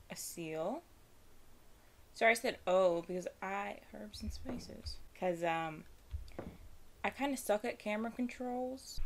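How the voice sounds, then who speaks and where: A woman's voice: on the low side, fairly bright tone. A young woman giving casual, self-deprecating commentary while playing a game, chatty and nervous. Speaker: gaming streamer. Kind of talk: casual let's-play commentary.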